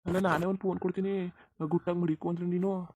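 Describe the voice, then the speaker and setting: Someone voicing a fast-talking, reassuring village lover. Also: medium pitch, flat delivery, darkish tone, no echo, close to an everyday voice. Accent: rural Karnataka Kannada. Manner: soothing, insistent reassurance. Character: young village man, devoted reassuring lover. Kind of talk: cartoon voice acting.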